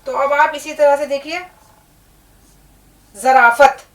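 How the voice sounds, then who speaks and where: A woman teaching a language lesson, explaining word meanings and spelling out letters slowly, often checking in with the learner. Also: high-pitched, fairly even intonation. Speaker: Urdu teacher. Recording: echoey room, mic at a distance.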